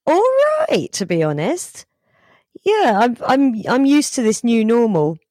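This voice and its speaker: A woman's voice: on the high side, very animated, measured pace, a little mellow, no room sound. Wry woman comedian, dry close sound. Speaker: comedian, podcast guest. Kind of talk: casual chat.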